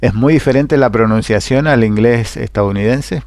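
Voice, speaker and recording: A man's voice: medium pitch, normal speed, darkish tone, no room sound, studio quality. A man from northern Argentina with a northern Argentine accent, hosting an interview with short backchannels and friendly questions. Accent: northern Argentine Spanish. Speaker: radio interviewer.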